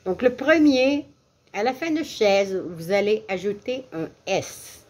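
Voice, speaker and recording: A woman teaching French vocabulary as a lesson, repeating each word deliberately and giving English glosses. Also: medium pitch. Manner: slow, deliberate repetition of words for learners. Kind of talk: classroom lesson.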